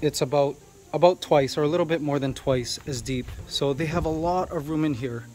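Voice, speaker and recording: A man's voice: fairly high pitch, brisk, a little mellow. A middle-aged man from Canada in a casual vlog, chatting to viewers as he shows an outdoor animal enclosure. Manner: chatty, explaining to viewers while handling pets. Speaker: vlogger.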